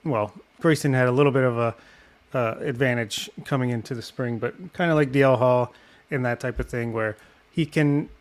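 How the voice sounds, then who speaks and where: A man co-hosting a podcast in casual chat, thinking aloud and hedging his points. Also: medium pitch. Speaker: podcast co-host.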